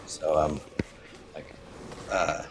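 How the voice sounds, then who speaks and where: A man's voice: very deep voice, little pitch movement, very slow, noisy background. A man calling in to chat and debate, talking hesitantly with many fillers and a dry manner. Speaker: caller. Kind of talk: casual call-in chat and debate.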